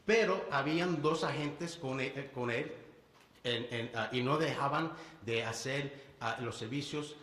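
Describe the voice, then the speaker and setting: A man in his thirties with a Puerto Rican accent, a state legislator giving a halting press conference speech, full of restarts and English words. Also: medium pitch, fairly bright tone. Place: bill signing event indoors. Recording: echoey hall with long reverb.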